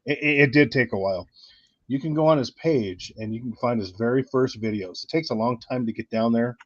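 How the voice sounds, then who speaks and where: A man's voice: mid-range voice, no echo, muffled recording. A man hosting a casual livestream chat, often repeating words as he gets going. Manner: halting, repeats words when starting. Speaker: channel host.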